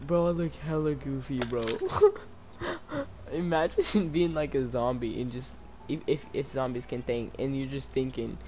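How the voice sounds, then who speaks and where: A man's voice: medium pitch, sing-song, unhurried, darkish tone, slight background noise. A young man bantering profanely and laughing often while playing a game with a friend. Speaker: gaming vlogger. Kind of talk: casual gaming banter.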